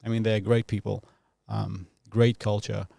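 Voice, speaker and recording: A man in his thirties from Iraq, talking as a podcast guest in a thoughtful, reflective way, pausing often and laughing easily. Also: lowish voice, level tone, creaky, dark tone, no echo. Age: 30s. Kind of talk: casual reflective interview talk.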